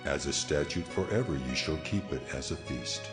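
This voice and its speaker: A man with a rumbling low voice, speaking at normal speed over loud music, plays God in a dramatized scripture reading. He declares commands and speaks laws in a solemn, authoritative manner as a commanding male deity.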